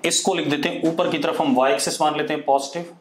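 A man's voice: a little high, steady tone, fast talker. A man teaching a physics lesson live online, mixing Hindi and English, dictating phrases word by word and often checking that students follow. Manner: mixes Hindi and English, calls students "beta". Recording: echoey room.

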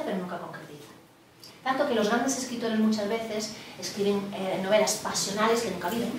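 Woman leading a therapy workshop, animated and questioning; distant mic, clear background noise. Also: medium pitch, very echoey. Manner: animated, digressive, asks the group questions. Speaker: body psychotherapy workshop leader. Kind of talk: informal lecture to a group.

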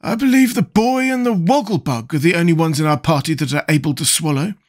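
A man's voice: a little high, animated, fairly quick, pitched above the performer's own voice, lightly acted. A man voicing an earnest, fussy, critical living scarecrow in a storybook. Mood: critical, explaining. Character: living male scarecrow, critical, protesting, humble about himself.

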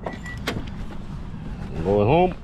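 Vlogger, middle-aged man, lowish voice, unhurried driving chat, loud road noise. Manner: slow, relaxed, repetitive chat to viewers. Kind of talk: casual driving vlog. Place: inside a car in city traffic. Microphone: action camera mounted in the car.

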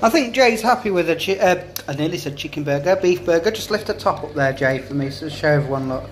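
A man's voice: on the high side, lively intonation, fast talker, a little hiss or hum, poor audio. A man, chatting casually to viewers about feeding his kids, rambling and easygoing. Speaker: vlogger. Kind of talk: casual home vlog chat. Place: small home kitchen and living room. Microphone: phone held at arm's length.

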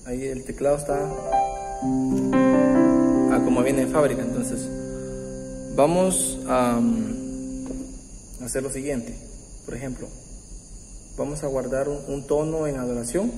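A man hosting a keyboard tutorial, explaining step by step in a patient, halting way with many pauses and restarts. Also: mid-range voice, steady tone. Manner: warm, patient, uses religious greeting. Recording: roomy, echoey room with long reverb. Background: faint keyboard music.

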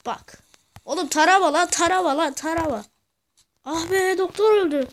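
A woman giving rowdy gameplay commentary, cursing and yelling at the game as she plays. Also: extremely high pitch, moderate pace. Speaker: gamer.

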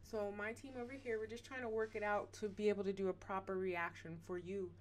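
A woman's voice: medium pitch, flat delivery, a little fast. A woman hosting a reaction vlog, chatting playfully and animatedly straight to her viewers. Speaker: reaction channel host.

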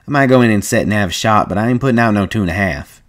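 A man reading aloud and playing a wary, practical ranch worker who speaks flat, curt and guarded. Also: fairly low pitch, rapid-fire, lightly acted. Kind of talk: audiobook reading.

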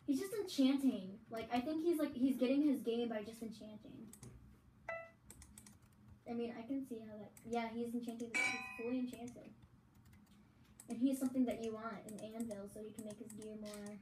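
A woman with a fairly high voice talks in loose, excitable running commentary as she watches a friend's game. She rambles from one thought to the next. The sound is roomy and echoey, with a faint hiss underneath. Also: normal speed.

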